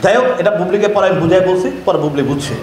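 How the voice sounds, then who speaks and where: A man's voice: sits high, lively intonation, quick pace, darkish tone, a little hiss or hum. A man with a Bangladeshi Bengali accent gives a heated, combative speech to reporters at an event, jeering at critics with repeated rhetorical questions. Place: event hall with crowd and reporters. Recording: very echoey hall.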